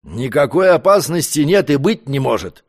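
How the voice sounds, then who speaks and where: A man's voice: a little high, big pitch swings, normal speed. A man voicing a powerful, short-tempered prince who barks orders in a storybook reading. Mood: imperious. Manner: commanding, scolding. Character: imperious irritable powerful prince.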